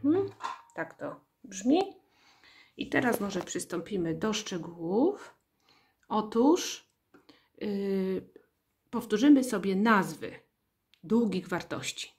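A woman's voice: medium pitch, big pitch swings, takes it slowly, pauses often, darkish tone, breathy edge. A woman teaching a music rhythm lesson, explaining note values patiently and counting beats aloud. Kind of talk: slow, deliberate classroom explanation.

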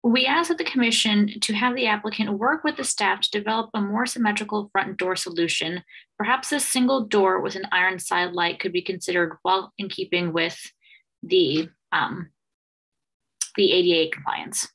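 A woman's voice: medium pitch, moderate pace, fairly bright tone, husky, poor audio. A woman reading brief, formal testimony for a preservation council at a public hearing.

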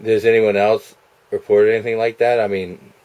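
Young guy on a prank call, kinda low voice, stumbling along earnestly, webcam at home. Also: flat delivery, normal speed, darkish tone, muffled recording. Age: young adult. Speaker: prank caller. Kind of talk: casual phone conversation. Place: small room indoors at home. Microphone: webcam at arm's length.

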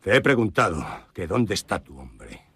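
An actor in a dubbed western playing a cold, threatening young outlaw with a very husky voice. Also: male voice, low-pitched, very animated, moderate pace, fairly bright tone, dry recording, heavily acted. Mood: menacing. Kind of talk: dubbed film acting.

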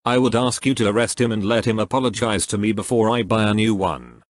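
A man's voice: on the low side, a little fast, dry recording, clean studio sound, lightly acted. A man voicing an indignant middle-aged farmer in a cartoon, complaining about his ruined tractor.

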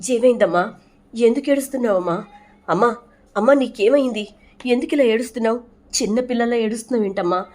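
A woman's voice: fairly high pitch, moderate pace, long pauses, a little mellow, voice pushed up, lightly acted. A woman voicing a worried young daughter in a TV serial recap, asking anxious questions.

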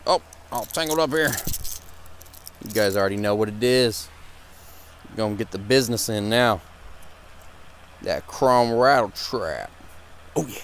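A young man gives excited, casual running commentary to viewers while fishing from a pond bank, recorded on a head-mounted action camera outdoors. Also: medium pitch, slight background noise. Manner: excitable, talks to viewers as guys. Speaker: fishing vlogger.

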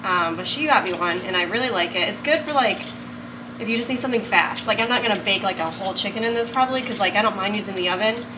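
Cooking in her home kitchen, a vlogger and photographer talks fast in a medium-pitched voice, chatting casually to the camera. She rambles, dropping plenty of "like" and "um," and there's background noise in the recording.

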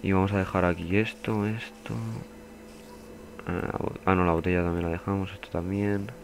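Deep-voiced young gamer, chatty. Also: male voice, level tone, normal speed, noisy background. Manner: swearing, chatty, bursts into panicked yelling. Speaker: gaming youtuber. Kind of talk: casual let's play commentary.

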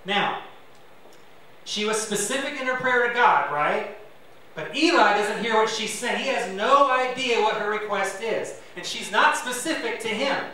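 A man's voice: high-pitched, lively intonation, measured pace, pushed and bright, heavy reverb, recorded from a distance, slight background noise, rough recording. A man preaching a sermon to his congregation as pastor, conversational and self-deprecating, with asides to the listeners. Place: church sanctuary.

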